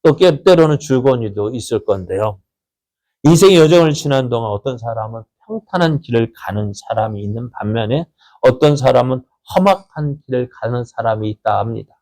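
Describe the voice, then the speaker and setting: A Korean-speaking man preaching to his congregation. He asks questions, answers them himself, repeats phrases for emphasis, and reads scripture slowly. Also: lively intonation, a little mellow. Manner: repeats phrases for emphasis, rising and falling pitch. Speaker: pastor. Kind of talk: sermon.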